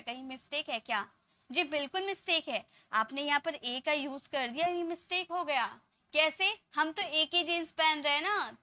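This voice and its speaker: Woman English tutor, patient, repeats examples slowly; high, sharp, dry voice. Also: dry recording. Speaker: English teacher. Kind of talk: Hindi-language grammar lesson.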